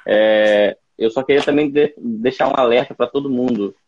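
Man co-host, earnest and steady, muffled lo-fi sound. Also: mid-range voice, moderate pace, a little hiss or hum. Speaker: co-host, channel administrator. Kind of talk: live chat on a stream.

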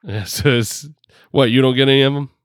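Talking fairly quickly in a mid-range voice, the host keeps up a faux New York accent through a loose, filler-packed podcast conversation punctuated by laughter. His home podcast rig and headphones deliver clean studio sound without echo.

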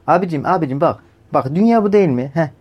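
A man doing an excited rustic kid with a regional dialect. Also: on the high side, fast, breathy edge, muffled recording. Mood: insistent. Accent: regional Turkish dialect. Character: rustic village kid arguing about the earth.

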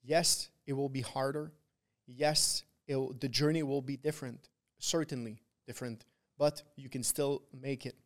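A man's voice: medium pitch, fairly even intonation, unhurried. A man talking like a frat bro in a casual motivational podcast chat, emphatic and preachy, repeating his points for weight. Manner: frat-bro talk, peppered with bro, dude and swearing; emphatic, repetitive, preachy pep talk. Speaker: podcast guest, trader who runs a trading community.

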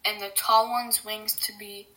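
A woman co-hosting a casual podcast, blunt and deadpan, swearing casually. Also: mid-range voice, moderate pace, very noisy. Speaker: podcast co-host.

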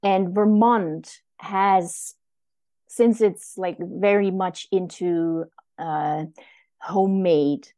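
Slow, mellow-voiced woman. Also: lowish voice, fairly even intonation, dry recording. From Germany. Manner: halting, reflective, heartfelt. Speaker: guest. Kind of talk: casual conversation.

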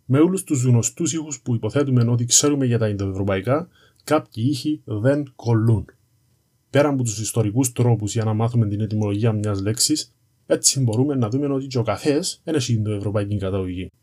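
A man's voice: medium pitch, dark tone, slightly rough. A man with a Cypriot Greek accent narrates an educational piece in a conversational storytelling style, explaining things informally and directly to the listener. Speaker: presenter of an educational series on language history.

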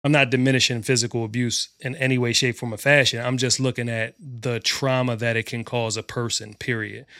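Male podcast co-host, mid pitch, blunt and profane, rambling casual delivery, dry close mic. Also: flat delivery, a little fast, sharp tone, no echo.

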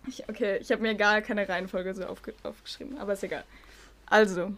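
A woman's voice: medium pitch, fairly even intonation, brisk, a bit bright. A young woman chatting informally as a podcast co-host leading a quiz. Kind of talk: casual chat.

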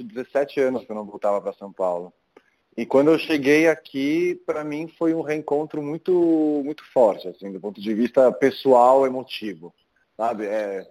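A man, a podcast guest speaking Portuguese in a relaxed, reflective phone chat full of fillers. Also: mid-range voice, rough recording. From Italy. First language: Italian. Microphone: phone call.

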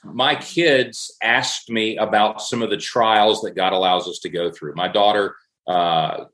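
A man's voice: on the low side, steady tone, unhurried, a bit bright. A middle-aged man in a casual faith discussion, telling stories earnestly and repeating key phrases for emphasis. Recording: roomy echo.

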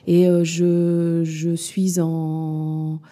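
Her voice is fairly low and mellow, delivered flatly with drawn-out words. In her forties, a mother with her own business, she gives candid interview answers, tentative and thoughtful, frequently restarting and filling gaps.

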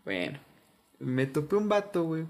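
A man's voice: a little high, sing-song, normal speed. Joking young man from Veracruz. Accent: Mexican Spanish, Veracruz. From Veracruz, Mexico. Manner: joking, slangy storytelling. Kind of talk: casual chat between friends.

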